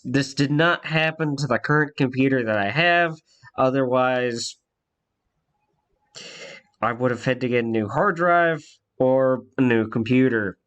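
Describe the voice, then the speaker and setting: This casual vlog has a young man, congested with a cold, telling a meandering personal story, restarting often and leaning on fillers. He has a fairly bright tone in a middle register.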